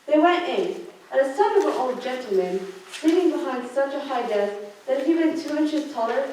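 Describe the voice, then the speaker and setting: For a student radio play, a young woman in her teens narrates a scripted storybook in a high voice with lively intonation, a darkish tone and normal speed. She's recorded in a big indoor school theater classroom. The sound is echoey, with a distant mic and noise in the background.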